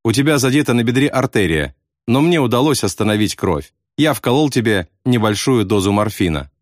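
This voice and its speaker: A man's voice: medium pitch, fairly quick, no room sound, studio quality, lightly acted. Man voicing a weary, kind pilot. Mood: reassuring. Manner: calm, reassuring. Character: weary, kind male pilot tending a wound.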